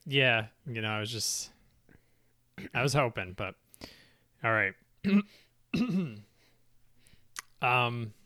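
A man's voice: medium pitch, bright, forceful tone, clean tone, dry recording, clean studio sound. Man as faltering, awkward friend giving a eulogy. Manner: faltering, halting, hesitant eulogy delivery.

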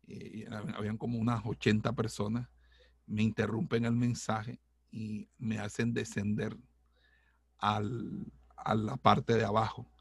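A middle-aged man, a pastor, giving a heartfelt personal testimony in a halting way, with many restarts. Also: on the low side, gravelly, slightly rough, no room sound, clean studio sound.

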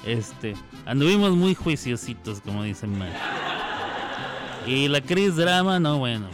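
A man's voice: mid-range voice, big pitch swings, a little slow. A man with a Mexican accent hosting a radio show, chatting playfully and teasing listeners as he reads their comments. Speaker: radio host. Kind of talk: casual radio chat. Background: music.

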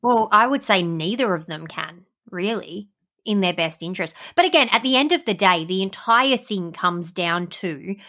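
A young woman co-hosting a podcast, talking in a relaxed, chatty way and leaning on filler words. Her voice is bright and clear, sitting at a middling pitch. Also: moderate pace. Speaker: podcast co-host. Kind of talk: casual chat.

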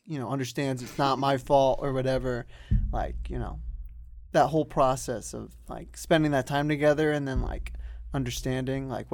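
A young man chatting on a podcast in a relaxed, hesitant way with many fillers. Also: mid-range voice, no echo, clean studio sound. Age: young adult. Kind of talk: casual podcast chat.

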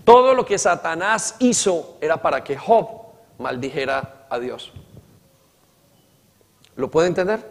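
High-voiced preaching man in echoing hall. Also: expressive, a little slow, pauses often. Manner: calls on the congregation to repeat after him; acts out quoted dialogue with emphasis. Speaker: pastor. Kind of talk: sermon. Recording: reverberant hall.

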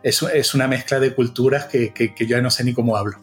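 A man's voice: mid-range voice, steady tone, fairly quick, soft background music. Enthusiastic man with Venezuelan-Canarian accent. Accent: mixed Venezuelan and Canarian Spanish. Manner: enthusiastic, frequent tag questions. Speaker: guest, agency founder. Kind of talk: casual interview.

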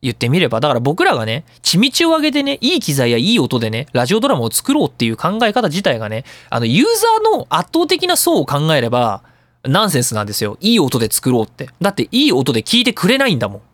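Explaining sound editing on his casual talk radio show, this host and audio engineer sounds chatty, opinionated, and colloquial. He talks fast with huge pitch swings in a fairly high, fairly bright voice, and there is no room sound.

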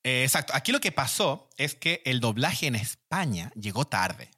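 Chatty co-host with a bright voice who explains things at length. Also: male voice, medium pitch, very animated, normal speed, breathy edge. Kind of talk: casual chat.

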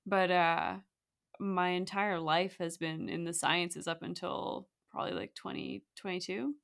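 A woman with a gravelly, fry-laced voice that sits a little low, chatting as a podcast guest. She talks in loose, reflective stretches full of fillers and easy laughs. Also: measured pace, fairly bright tone. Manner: reflective, rambling, frequent "like" fillers, laughs often. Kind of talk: casual conversation.

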